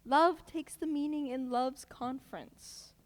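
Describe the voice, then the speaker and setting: A woman playing the young lover Lysander in a school stage play, with wide sweeps of pitch and laughter breaking into her lines. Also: steady tone, takes it slowly. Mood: tender. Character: young male lover Lysander, ardent and playful.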